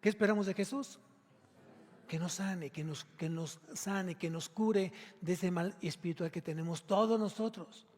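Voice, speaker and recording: In a church sanctuary that sounds like a large hall, a male pastor with a Mexican Spanish accent preaches with a high, unhurried voice. His sermon is emphatic, rising to loud exclamations as he questions his congregation directly.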